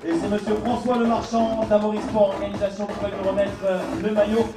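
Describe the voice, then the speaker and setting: A man announcing a race podium live, rallying the crowd and pausing often with hesitations. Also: high voice, level tone. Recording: echoey PA sound from far off with music and crowd.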